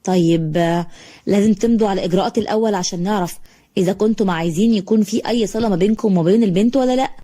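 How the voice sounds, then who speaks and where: A woman's voice: mid-range voice, racing, mellow, natural voice. A woman playing a chatty Egyptian orphanage director. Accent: Egyptian Arabic. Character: middle-aged female orphanage director, chatty.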